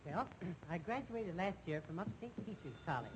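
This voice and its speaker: A meek young schoolteacher from an old sitcom, stumbling over his words with shy little uhs. His voice sits a touch high for a man. Heavy hiss covers the old television recording. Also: big pitch swings, moderate pace. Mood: timid. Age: 20s. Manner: hesitant and stammering, full of uhs. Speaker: new science teacher. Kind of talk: 1950s live TV sitcom acting.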